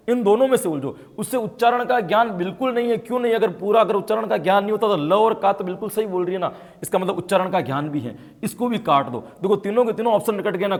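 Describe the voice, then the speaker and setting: A man from India teaching an online exam-prep class. He explains by asking questions and then answering them himself, and he gets louder on the key points. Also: high-pitched, big-room sound. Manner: explains by asking and answering his own questions, with frequent tag questions; grows louder and more emphatic when stressing key points.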